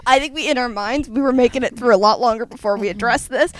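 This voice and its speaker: A woman's voice: a little high, quick pace. A woman co-hosting a comedy podcast, chatting casually in a bubbly, giggly way and often talking over her partner. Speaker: podcast co-host.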